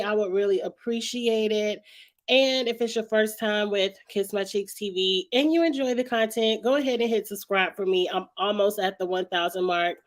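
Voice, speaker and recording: A woman hosts her own vlog, chatting casually and frankly about a reality TV show and greeting live viewers. Her mid-range voice is raspy, hoarse and heavy, and she clears her throat often.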